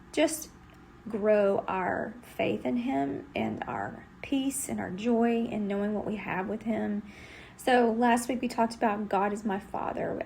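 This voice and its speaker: A woman's voice: mid-range voice, vocal fry, a little mellow, a little hiss or hum. A middle-aged woman from Texas, giving an earnest, conversational devotional Bible teaching.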